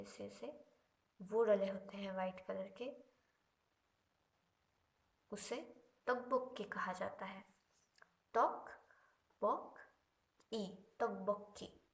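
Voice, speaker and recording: A woman teaching a language lesson, explaining each example slowly and patiently, with drawn-out repetitions. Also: mid-range voice. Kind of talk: Korean lesson explained in Hindi.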